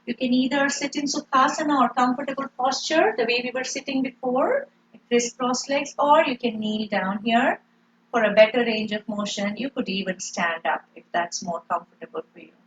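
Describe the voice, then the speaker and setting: A woman leading a yoga lesson, giving slow, calm breathing cues and gentle instructions. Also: on the high side, dull audio.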